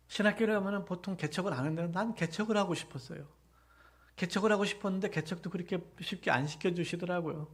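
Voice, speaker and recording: A male pastor with a notably high voice delivers a live Sunday sermon in a church sanctuary. He quizzes the congregation with rhetorical questions and swells from soft, reflective passages into loud, insistent exhortation. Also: creaky.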